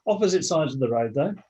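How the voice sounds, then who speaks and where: On a muffled video call, an English man hosts an online meeting and greets arrivals with casual, welcoming chat, frequently beginning his sentences again. His voice is on the high side with a darkish tone.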